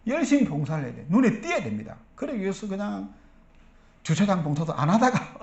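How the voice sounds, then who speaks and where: A man's voice: on the high side, vocal fry, darkish tone, echoey room. A middle-aged man, a pastor preaching a sermon who acts out quoted church members.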